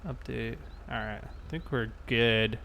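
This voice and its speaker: This livestream host talks to his viewers in a casual, off-the-cuff way, musing aloud while going through chat during a relaxed gaming session. His medium-pitched voice is creaky, pushed and bright, his pace measured, with slight noise in the background.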